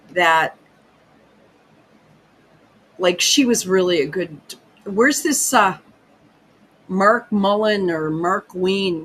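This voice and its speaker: A woman rants through a casual commentary, swearing freely and cutting herself off mid-thought. She talks at an unhurried, drawn-out pace, and a faint ambience hums behind her. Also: medium pitch, slight background noise, rough recording. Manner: profane, excitable, self-interrupting. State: hiccuping. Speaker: podcast host.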